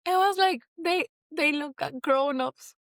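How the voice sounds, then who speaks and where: Woman co-host, unhurried and giggly, slightly high voice. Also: fairly bright tone, dry recording, studio quality. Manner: giggly, self-deprecating, unhurried. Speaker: podcast co-host. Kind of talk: casual chat.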